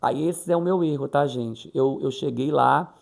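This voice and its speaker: A man's voice: mid-range voice, a little slow, gravelly, a little mellow. A man from Brazil chatting casually in a vlog, retelling a conversation and acting out the quoted voices. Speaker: vlogger.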